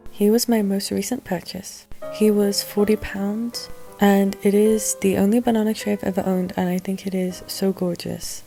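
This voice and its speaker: A woman's voice: mid-range voice, mellow. A woman chatting casually as a vlogger about her own things, recorded in a large, echoey room. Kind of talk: casual chatty plant collection vlog.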